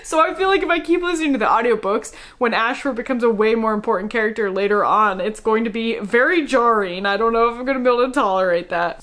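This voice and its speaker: Young adult woman, casual book-review vlogger, chatty and excitable, mid-pitched voice. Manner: chatty and enthusiastic, laughs at herself.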